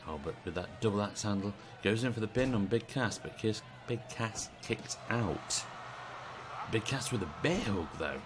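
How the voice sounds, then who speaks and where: A British man giving casual play-by-play commentary on a video game wrestling stream, chatty and relaxed. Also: lowish voice, moderate pace, over music. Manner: chatty, relaxed, asks the audience.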